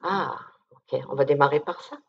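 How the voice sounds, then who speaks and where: A down-to-earth woman talks to an audience in an informal, chatty way, filling pauses and checking in as she goes. Her voice sits a little low. The recording sounds dull and lo-fi. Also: vocal fry, slightly rough. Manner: down-to-earth, chatty, many fillers and check-ins. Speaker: medium giving a talk. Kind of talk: informal conference talk to an audience. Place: conference room with an audience.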